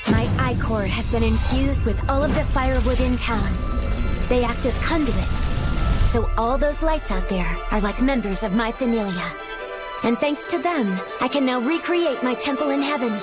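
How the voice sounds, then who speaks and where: A woman playing a fiery virgin goddess of the sacred flame in an anime dub, theatrical and declamatory, with loud music underneath. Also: fairly high pitch, lively intonation, normal speed, natural voice. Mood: solemn, defiant. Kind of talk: English anime dub acting.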